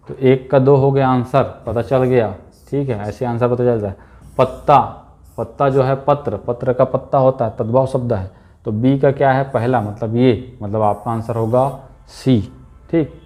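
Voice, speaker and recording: Slow male teacher going over exam questions, repeats stuff, keeps saying theek hai. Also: mid-range voice, warm tone. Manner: slow, repeats key words, says "ठीक है" often. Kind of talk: exam-prep lesson.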